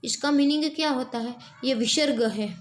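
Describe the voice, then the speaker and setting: A woman's voice: sits high, normal speed, slight background noise. A woman teacher gives a classroom lesson and draws out each sound she demonstrates. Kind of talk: slow classroom explanation of vowel sounds.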